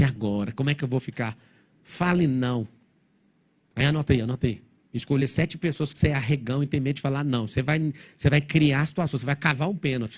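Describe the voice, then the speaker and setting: A male motivational speaker talking fast to a live crowd, his words coming in quick bursts. His voice sits a little on the high side. His delivery is blunt and provocative. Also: a little mellow. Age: adult, father of four. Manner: blunt, provocative, rapid-fire. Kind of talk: motivational stage talk to a live audience.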